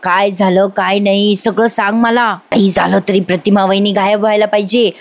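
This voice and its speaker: A woman voicing a scheming older man who plots slowly and quietly in a TV serial recap. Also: medium pitch, little pitch movement, close to an everyday voice. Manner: hushed, slow, conspiratorial. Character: scheming older man plotting in hushed tones.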